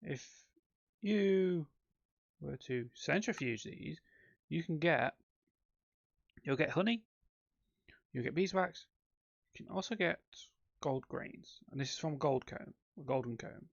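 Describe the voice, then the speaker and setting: Gravelly man narrating his gameplay. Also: fairly high pitch, slow pace, pauses often, dry recording, highs cut off. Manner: relaxed, rambling, frequent ums and self-corrections. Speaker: let's play host. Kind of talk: casual gameplay commentary.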